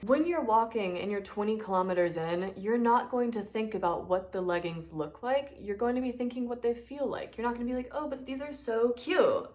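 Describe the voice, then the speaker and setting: A woman's voice: mid-range voice, darkish tone. A young woman talking casually and animatedly to her phone camera at home, joking and advising like a big sister. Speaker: vlogger. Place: at home indoors.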